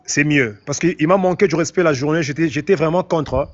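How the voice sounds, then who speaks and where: A man's voice: a little high, a little fast. A man in a heated religious debate, insisting again and again that his question be answered. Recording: muffled lo-fi audio with loud background noise.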